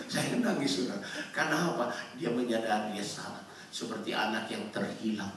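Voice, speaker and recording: A man preaching a sermon to a congregation, swinging between loud exhortation and hushed storytelling. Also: medium pitch, far from the mic, a little hiss or hum. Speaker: pastor. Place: church hall. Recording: very echoey hall, voice from afar.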